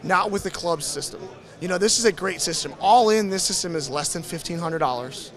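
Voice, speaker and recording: A man's voice: on the high side, animated, fairly quick, a bit bright. A man in his thirties giving an enthusiastic, informal product demo in an interview at a trade show booth, speaking into a handheld mic. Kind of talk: conversational sales demo in an interview. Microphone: handheld interview microphone.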